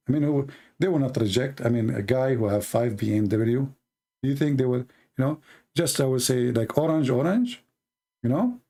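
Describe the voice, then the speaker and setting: A man giving late-night livestream commentary, mocking and halting, with sarcastic asides. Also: mid-range voice, darkish tone. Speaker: online debate streamer.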